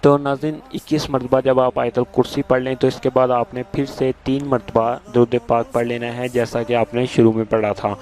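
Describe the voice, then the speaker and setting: Flat-voiced man giving religious instruction. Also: medium pitch, faint music behind. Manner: patient, repetitive step-by-step instructions; recites prayers slowly and deliberately. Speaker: religious video host.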